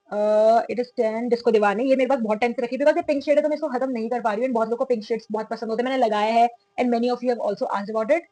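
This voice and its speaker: A woman's voice: on the high side, a little mellow, low-quality recording. Chatty young Indian woman vlogger. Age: young adult. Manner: chatty, mixes Hindi and English freely. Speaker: makeup vlogger. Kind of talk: casual makeup tutorial.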